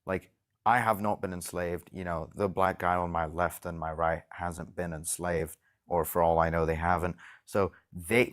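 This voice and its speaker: A man with a very low voice argues bluntly on a casual debate stream. He swears freely and keeps checking that the listener is following him. His delivery is loose and conversational. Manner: argumentative, keeps checking agreement.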